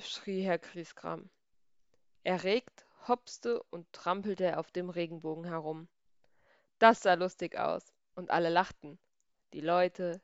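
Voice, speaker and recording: A woman reading a children's story aloud, slow and expressive, with emphatic stresses. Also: fairly low pitch, smooth, dry recording. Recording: slightly dull, dry recording.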